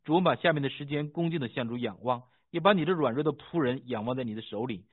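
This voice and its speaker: A man pastor reading scripture, praying and preaching with fervent emphasis, pausing with fillers as he talks. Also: mid-range voice. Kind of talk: sermon with scripture reading and prayer. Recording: tinny phone-like sound.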